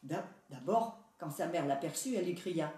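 A woman reading a fairy tale aloud in steady storytelling narration. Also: sits low, moderate pace. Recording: echoey room, voice far from mic.

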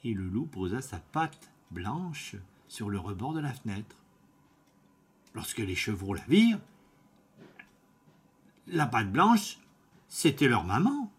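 A man reading a fairy tale aloud, slow and expressive, with small slips and self-corrections. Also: mid-range voice, breathy edge. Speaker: storyteller.

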